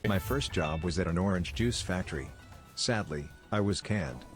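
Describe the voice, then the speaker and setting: A man telling jokes in a deadpan, measured way, delivering setups and punchlines as a comedian. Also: low-pitched. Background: music.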